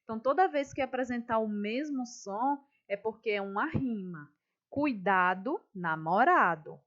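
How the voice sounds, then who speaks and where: Slow, patient woman teacher. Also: fairly high pitch, expressive, fairly bright tone, muffled recording. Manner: patient, explaining step by step with checking questions. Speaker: schoolteacher. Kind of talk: classroom lesson.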